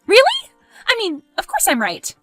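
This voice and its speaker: A woman voicing an excitable, pushy young woman friend in an animated story, exclaiming and goading. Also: very high voice, moderate pace, dry recording, soft background music, pitched above the performer's own voice, full character voice.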